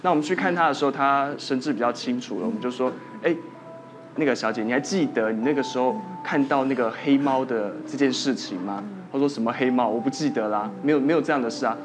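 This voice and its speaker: On a TV talk show, a male doctor guest with a Taiwanese Mandarin accent shares an eerie hospital tale, his soft sentences trailing away. He speaks quickly in a mid-range voice while music plays in the background.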